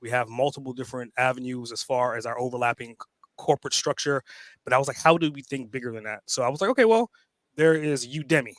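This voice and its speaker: A man's voice: mid-range voice, fast talker, fairly bright tone, no room sound. A man from Trinidad and Tobago, a podcast guest speaking in a casual interview, often repeating words as he starts a sentence.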